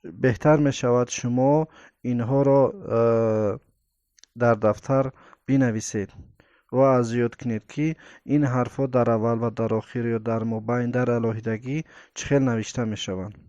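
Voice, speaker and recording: A man teaching the Arabic alphabet, slowly naming each letter and repeating its sound with many hesitant fillers. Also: mid-range voice, fairly even intonation, darkish tone, clean tone, no echo, highs cut off. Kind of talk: step-by-step pronunciation lesson.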